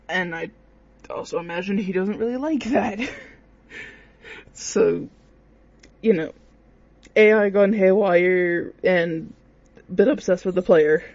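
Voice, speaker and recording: Through a dull, lo-fi mic, a commentator rambles informally and hesitantly about horror games. Their voice is mid-range with a darkish tone.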